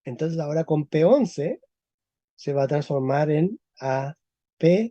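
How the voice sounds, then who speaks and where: Slow, dark-voiced male teacher, dull recording. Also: a little high, lively intonation, dry recording. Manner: explanatory, checks understanding with frequent tag questions. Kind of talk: Spanish historical linguistics lecture.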